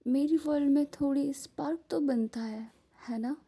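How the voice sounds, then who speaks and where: A woman voicing a self-assured young female billionaire with a sharp, dismissive way of talking. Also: sits high, moderate pace.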